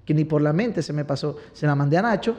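A man's voice: on the high side, quick pace. A young man with a Venezuelan accent, a singer-songwriter telling stories animatedly in a casual interview. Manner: animated storyteller. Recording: dull lo-fi recording.

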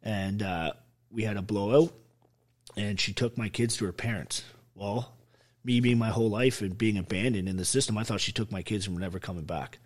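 A middle-aged man with a somewhat low voice, talking as a guest in an interview. He tells his story in a blunt, raw way, swearing constantly and speaking with open emotion. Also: fairly quick. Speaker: podcast guest, army veteran.

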